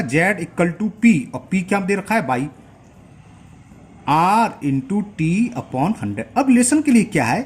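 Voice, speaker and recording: A man teaching a maths lesson step by step, often pausing to check that students follow. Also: high-pitched, breathy edge. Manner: explains step by step, checks understanding with rhetorical questions.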